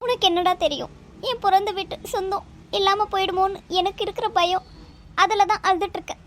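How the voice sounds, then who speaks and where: A woman's voice: very high-pitched, fairly even intonation, fairly quick, fairly bright tone, slight background noise. A woman voicing a stubborn middle-aged cartoon mother who sneaks sweets and scolds her son. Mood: tearful. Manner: defiant, whining, scolding. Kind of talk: cartoon voice acting.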